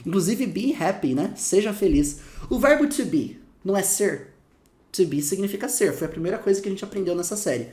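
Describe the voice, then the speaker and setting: A man with a Brazilian Portuguese accent teaching English phrases in a casual lesson, lively and slowing down to repeat the examples. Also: high voice, roomy sound. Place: room with dogs barking outside.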